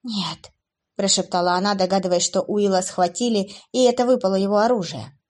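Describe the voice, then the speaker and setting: A woman narrating a dark fantasy audiobook with an expressive, dramatic reading. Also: mid-range voice, fast talker.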